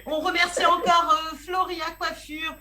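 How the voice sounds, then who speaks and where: A woman's voice: very high voice, flat delivery, measured pace, sharp tone. A woman in her forties co-hosting a radio show, joking and teasing herself, laughing often. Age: 40s. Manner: playful, self-mocking, laughs often. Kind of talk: joking talk-show banter.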